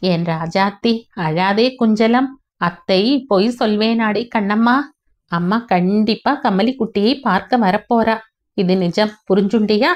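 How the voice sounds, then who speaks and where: A woman voicing a young aunt who soothes a small child with soft, coaxing baby talk. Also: medium pitch, measured pace, lightly acted.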